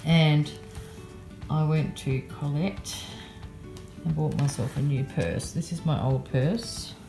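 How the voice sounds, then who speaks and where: A woman's voice: deep voice, steady tone, slow, music in the background. An Australian woman chatting casually about her shopping, rambling with lots of ums and yeahs, recorded on a phone in a car at night. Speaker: vlogger. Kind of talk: casual haul chat.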